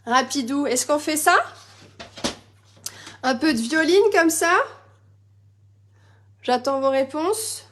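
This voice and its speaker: A woman's voice: high-pitched, takes it slowly, long pauses, a bit bright. A woman hosting a live crafting tutorial, chatty and bubbly, answering viewer comments as she works. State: slightly losing her voice, coughing. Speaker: crafting demonstrator and live-stream host.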